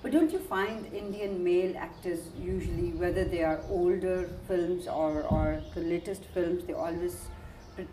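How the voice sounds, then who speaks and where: A woman interviewer asking probing questions with quick follow-ups. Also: fairly low pitch, fairly even intonation, dark tone, roomy sound, a little hiss or hum.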